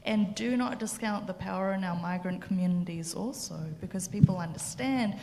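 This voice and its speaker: A woman's voice: mid-range voice, normal speed, vocal fry, warm tone, long reverb tail, slight background noise. A woman speaking passionately in a panel debate, conversational, with fillers.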